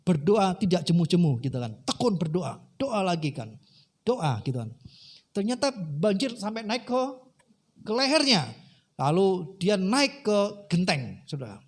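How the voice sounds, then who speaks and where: High-voiced man preaching conversationally. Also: very animated, unhurried. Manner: conversational, addresses congregation directly. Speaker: pastor. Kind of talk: sermon with storytelling.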